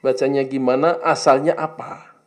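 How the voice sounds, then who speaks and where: A man's voice: mid-range voice, steady tone, normal speed. A man teaching a classroom lesson on an Arabic religious text, translating it line by line and coaxing his students to answer his questions. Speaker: Islamic teacher.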